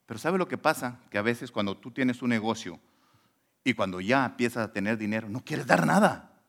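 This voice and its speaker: A man preaching a sermon as a pastor, conversational and animated, often asking rhetorical questions. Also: medium pitch, moderate pace, gravelly.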